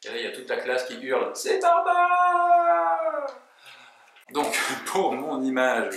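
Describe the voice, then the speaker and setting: A man coaching memory techniques, telling jokes in an animated, self-mocking way. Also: on the low side. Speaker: memory coach, video host. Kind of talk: memory lesson with told jokes. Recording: very echoey room, mic far off.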